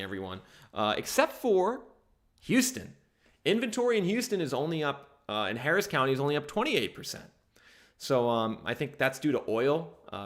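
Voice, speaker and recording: A young man hosting a live stream, walking through housing data dashboards and answering viewer requests in a casual, animated way. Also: medium pitch. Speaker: housing market analyst hosting a livestream.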